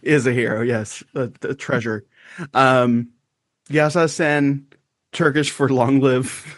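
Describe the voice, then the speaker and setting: A man co-hosting a podcast in casual chat, wry and quick to laugh. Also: mid-range voice, steady tone, dry recording. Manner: laughs often, wry and self-aware. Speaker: podcast co-host.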